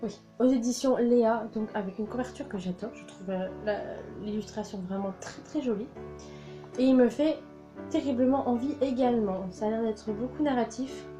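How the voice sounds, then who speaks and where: A woman's voice: fairly high pitch, normal speed. A young woman presenting her new books in a casual vlog, enthusiastic and full of fillers and repeated words. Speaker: book vlogger. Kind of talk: casual book haul chat. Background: soft background music.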